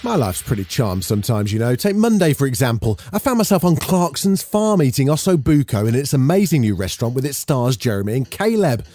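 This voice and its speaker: Lively male news podcast host. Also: mid-range voice, brisk, few pauses. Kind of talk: scripted news narration.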